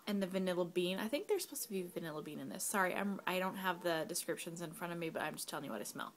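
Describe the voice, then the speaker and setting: A young mother at home, kids nearby, rambles through a casual candle review vlog, filling gaps with fillers and now and then lowering to a whisper. Her voice is on the low side, with slight background noise.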